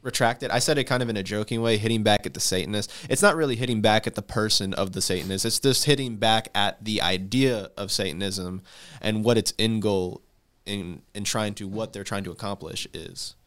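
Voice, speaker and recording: A man's voice: fairly quick, fairly bright tone. Give me an earnest man on a Bible talk. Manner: earnest, rises in pitch when stressing a point. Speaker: co-host.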